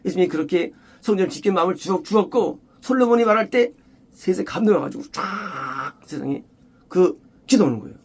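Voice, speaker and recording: Gravelly, emphatic Korean pastor preaching. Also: male voice, high-pitched, expressive, a little fast. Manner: emphatic, repetitive, rising to near-shouts. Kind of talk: expository sermon.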